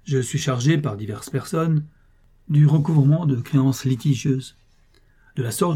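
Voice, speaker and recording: A man reading aloud and voicing a shabby, sly old male bailiff's clerk who talks in a wheedling, grandly flattering way. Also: medium pitch, breathy edge, close to an everyday voice.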